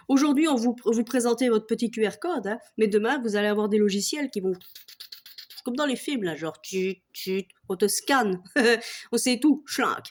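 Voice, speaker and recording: A woman's voice: mid-range voice, darkish tone. A woman vlogger doing a humorous rant to camera, swearing freely and laughing often between remarks.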